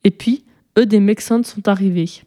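A woman reading a children's story aloud, lively and switching voices for the characters. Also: mid-range voice, normal speed.

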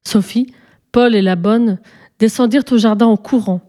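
A woman narrating a children's storybook in a calm, even storytelling manner. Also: on the high side, normal speed.

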